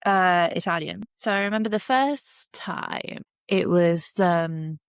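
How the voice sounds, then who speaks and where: A woman's voice: on the low side, animated, slow, smooth, dry recording. A woman co-hosting a podcast, telling stories in casual chat, swearing freely and using many fillers. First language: English. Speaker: podcast co-host.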